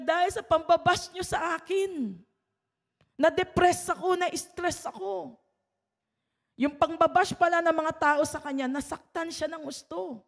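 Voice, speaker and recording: A woman's voice: sits high, long reverb tail. A woman pastor giving a conversational sermon, listing points and often checking in with the listeners through tag questions.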